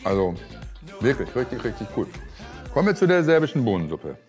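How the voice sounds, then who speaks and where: Tasting food in a vaulted cellar of a restaurant, a fifty-something chef who hosts a restaurant show offers frank, spoken-aloud reactions as reality TV commentary. He has a medium-pitched, very animated, brisk voice, and soft music runs in the background.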